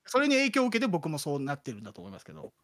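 Chatty Kansai-born man, lively pitch. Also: racing. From Kansai region of Japan. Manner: chatty, self-deprecating, full of fillers. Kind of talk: casual chat.

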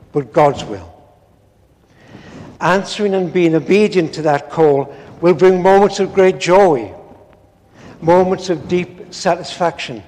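An older man, a priest preaching a measured, earnest sermon read from notes in a large stone church. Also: fairly high pitch, darkish tone. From England. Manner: measured, earnest, with solemn pauses. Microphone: far camera, no visible mic. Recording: long church reverb.

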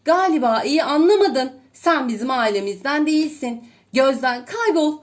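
A woman's voice: high-pitched, expressive, moderate pace. A woman voicing mean duckling siblings in a storybook, scolding and dismissive. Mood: scornful. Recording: roomy echo.

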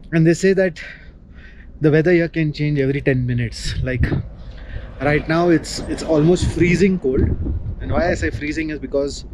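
A man's voice: on the high side, normal speed, noisy background. A man with an Indian English accent, narrating his travel vlog with enthusiasm and recommending places to viewers. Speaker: travel vlogger. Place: outdoors in windy mountains. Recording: music playing behind.

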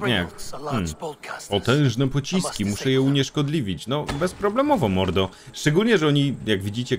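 A man's voice: fairly low pitch, slight background noise. A young man giving casual let's-play commentary, talking to enemies, joking and swearing a lot. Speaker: gameplay streamer.

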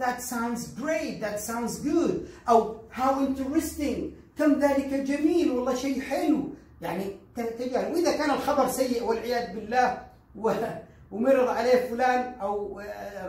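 A man teaching English, explaining in Arabic and slowly modeling English phrases for learners. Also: high-pitched, darkish tone. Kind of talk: bilingual language lesson. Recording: echoey room from far off.

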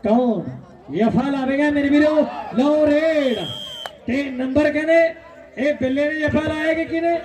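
Male kabaddi commentator, very high-pitched with little variation, excited delivery, rallies the crowd. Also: normal speed, slight background noise. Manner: rousing, repeats phrases, calls on spectators. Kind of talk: excited live sports commentary. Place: outdoor village kabaddi ground.

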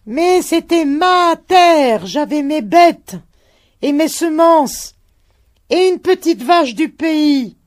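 A reader voicing an old, worn-out peasant laborer who shouts his bitterness against the wind. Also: medium pitch, expressive, slow pace, dry recording, clean studio sound, voice pushed up. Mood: bitter outcry.

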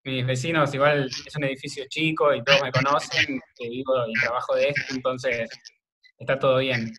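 An Argentine man, a video maker, answering interview questions in a relaxed, rambling way full of fillers. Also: mid-range voice, moderate pace. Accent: Argentine Spanish. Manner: rambling, thinks aloud with many fillers. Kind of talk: casual remote interview conversation.

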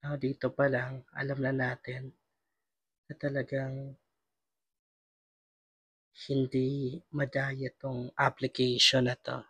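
A man's voice: medium pitch, monotone, slow pace, long pauses, a bit bright, husky, no room sound. A young Filipino man hosting a casual gaming vlog, his voice strained by a cough. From Philippines. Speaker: vlogger and host.

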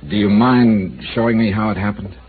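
In a 1950s radio drama, an actor plays a tough, blunt insurance investigator who presses his questions dryly and probingly. His voice is on the low side and close to everyday speech at a moderate pace, heard through a tinny old broadcast with hiss.

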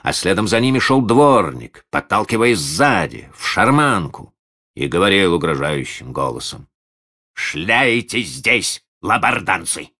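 Male audiobook narrator, deep, lively reading. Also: normal speed. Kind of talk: scripted narration.

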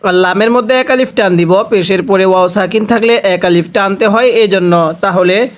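A man teaching Quran reading word by word, slowly drawing out each recited word and having the listener repeat after him, between quicker explanations. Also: high-pitched. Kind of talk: spelling-based recitation lesson.

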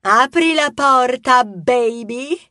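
A woman voicing a bossy, loud female mouse neighbor who shouts imperiously. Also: animated, very slow, no room sound, clean studio sound, exaggerated voice. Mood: insistent. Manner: shrill, pushy and imperious. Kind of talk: audiobook character voice.

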